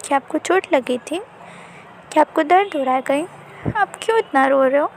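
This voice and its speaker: A woman's voice: sits high, normal speed, slight background noise. A woman voicing a small orphaned boy who sobs and pleads in a childlike way. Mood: sweet worried. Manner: sobbing, pleading childlike talk.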